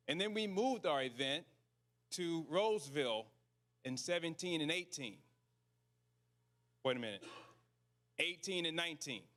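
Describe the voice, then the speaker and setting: A man's voice: fairly high pitch, fairly bright tone. A man hosting a live event, speaking casually to the audience and often checking in with short questions. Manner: conversational, asks the audience questions, tags sentences with "right?". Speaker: event host.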